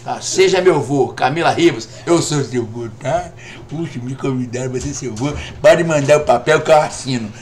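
A man's voice: medium pitch, normal speed, slight background noise. A Brazilian man in his fifties chatting jokily to viewers on a live game stream, repeating "rapaz" over and over. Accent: Brazilian Portuguese. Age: 50s. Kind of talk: live gameplay stream chat.

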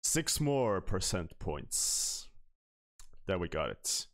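A man's voice: sits low, very animated, drawn-out words. Chatty young man streaming from home. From Austria. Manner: chatty, laughs often, reads and answers chat. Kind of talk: casual live-stream chat. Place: small room at home, indoors. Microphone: headset microphone.

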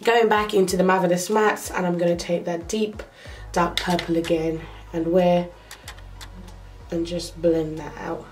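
In a small bedroom, a young makeup vlogger with a cold talks into a camera close to her face, sounding nasal. Her voice sits on the low side with a flat delivery, and soft music plays as she moves slowly and chattily through each step, using fillers.

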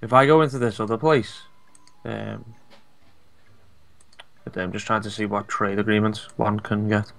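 A young man with a Scouse accent chatting casually while playing a co-op strategy game, relaxed and hesitant, with many fillers. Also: fairly low pitch, measured pace, creaky, pauses often. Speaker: co-op gameplay commentator. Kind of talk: casual gaming chat.

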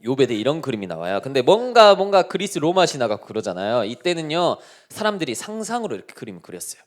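A male pastor giving a sermon to children, speaking in a lively way and constantly asking them questions. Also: mid-range voice, quick pace.

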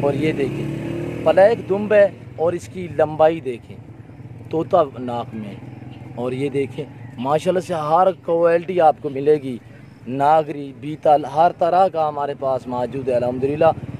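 Brief: Pakistani-accented male farm seller, fairly high voice, repetitive salesman patter, phone camera outdoors, faint road noise. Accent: Pakistani Urdu, Saraiki region. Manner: repetitive, pitching, peppered with religious phrases. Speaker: goat farm owner and seller. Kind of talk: off-camera sales walkthrough of livestock. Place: outdoor goat pens on a farm.

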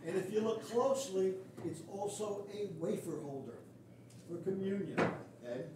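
A man's voice: sits high, expressive, moderate pace, recorded from a distance, heavy background noise. Older male pastor preaching in an echoey church. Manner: blunt, folksy and sarcastic. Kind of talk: sermon. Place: small wooden church sanctuary. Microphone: far camera at the back of the pews.

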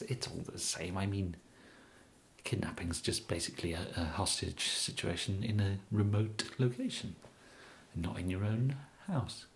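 In full character voice, a young man from England whispers through an ASMR roleplay as a bumbling, apologetic, awkwardly polite kidnapper. His speech is hushed, low and breathy, hesitant and rambling. He's recorded on a close mic with slight background noise.

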